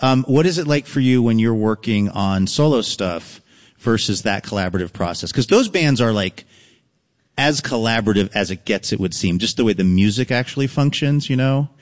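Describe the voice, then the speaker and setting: A man's voice: lowish voice, lively intonation, normal speed. Male host, live theater recording with long reverb; chatty, meandering interviewer. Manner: chatty, rambling questions with fillers. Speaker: radio show host. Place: theater stage before an audience.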